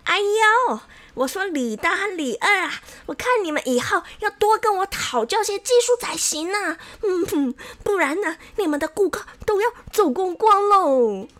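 A woman's voice: high-pitched, expressive, measured pace, fairly bright tone, pitched above the performer's own voice. A woman voicing a boastful, conceited young male barber in a children's storybook, with a smug, mocking manner. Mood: lecturing.

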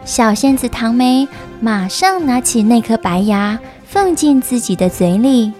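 A woman narrating a scripted children's story in an expressive, careful storytelling manner. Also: a little high, a little slow, faint music behind.

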